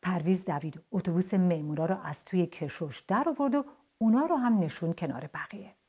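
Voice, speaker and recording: A woman reading a children's bedtime story in a soft, hushed, gentle way. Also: lowish voice, lively intonation, slightly rough.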